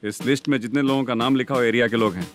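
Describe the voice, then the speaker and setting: A gruff, bossy police inspector who bends the rules, voiced by a man at an everyday mid pitch. He sounds sarcastic and commanding, and clear music runs under the film dub. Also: steady tone, very fast, close to an everyday voice. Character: corrupt, sarcastic middle-aged male police inspector.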